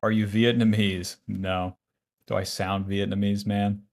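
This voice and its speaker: Gravelly and darkish, this fairly low-pitched man in his twenties speaks a little slowly with flat delivery during a gaming livestream. He chats casually and bluntly, swears freely, and reads out and answers questions from chat.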